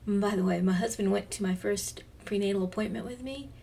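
Gravelly reflective woman in her fifties. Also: mid-range voice, brisk, slight background noise. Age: 50s. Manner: gentle, reflective, drops to soft near-whispers. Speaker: devotional podcast host. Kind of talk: reading a devotional aloud. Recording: voice slightly distant from the mic.

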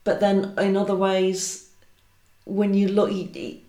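A woman's voice: medium pitch, level tone, takes it slowly, dark tone, echoey room. A woman hosting a podcast, chatting casually with a guest in an informal interview style. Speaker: podcast host and tarot teacher.

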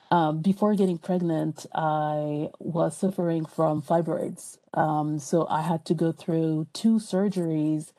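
A French woman with a French accent speaks as a podcast guest in a personal interview, earnest and reflective. She hesitates and restarts often. Her voice is deep and warm, but the audio quality is poor.

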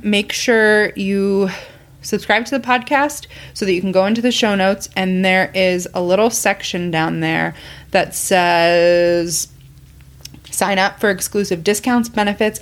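A woman co-hosting a faith podcast, talking in an earnest, rambling way with restarts. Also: mid-range voice. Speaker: podcast co-host. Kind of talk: casual faith chat.

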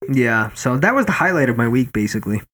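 A man's voice: mid-range voice, sing-song, fast talker, a bit bright, husky. A man co-hosting a podcast, talking in casual, profane, joking banter. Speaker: podcast co-host.

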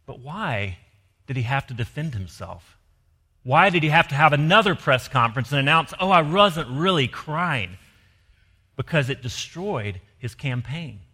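A man preaching a sermon, asking rhetorical questions and dropping to soft emphasis. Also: medium pitch, expressive, moderate pace, husky. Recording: long hall reverb.

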